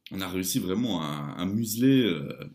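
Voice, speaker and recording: Male co-host, low voice, casual sports chat, informal, hesitant and repetitive. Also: expressive, normal speed, a little mellow. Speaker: co-host giving match commentary.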